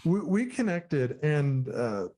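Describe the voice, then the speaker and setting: A man's voice: a little high, very animated, slow, warm tone. A man hosting a podcast, chatting casually and putting playful, teasing questions to a guest. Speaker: podcast host. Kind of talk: casual interview chat.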